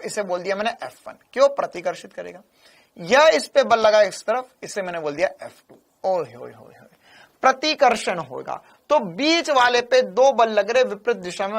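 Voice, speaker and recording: A man teaching a physics lecture in an animated, teasing way, repeating key lines. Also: sits high. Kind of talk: classroom lecture.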